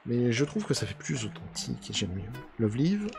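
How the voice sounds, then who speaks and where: A man's voice: medium pitch, very animated, moderate pace, gravelly, music in the background. A man hosting a card unboxing in casual commentary, chatty and grumbling with a mock-angry edge.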